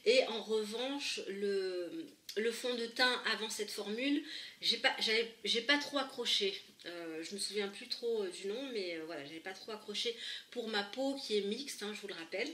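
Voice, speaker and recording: A beauty vlogger with a head cold talks her way through a makeup tutorial at home, her medium-pitched voice pushed and bright with lively intonation at a normal speed. She hesitates often, filling gaps and restarting sentences. The camera sits a bit far off in an echoey room.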